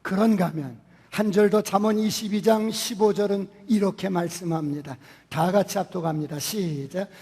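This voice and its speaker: A male pastor preaching a sermon, asking many rhetorical questions and swinging between quiet and loud. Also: high voice, normal speed, slightly rough. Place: church sanctuary. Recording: long church hall reverb.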